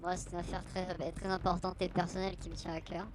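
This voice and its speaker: A woman's voice: fairly low pitch, flat delivery, fast. A woman playing a hooded anonymous informant in a roleplay interview, speaking through a voice changer and hesitating, repeating her words. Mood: secretive, worried. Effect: voice disguised with a voice changer.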